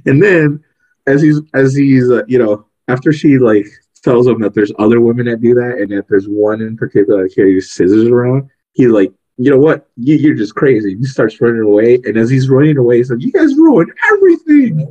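A man co-hosting a podcast, chatting casually about a movie and retelling scenes in an animated, excitable way. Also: medium pitch, a little fast, muffled recording. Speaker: podcast co-host. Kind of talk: casual movie review chat.

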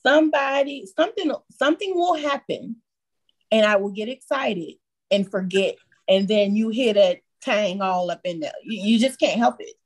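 A woman chatting casually on a podcast, animated and swearing freely. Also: mid-range voice, moderate pace, low-quality recording. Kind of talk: casual chat.

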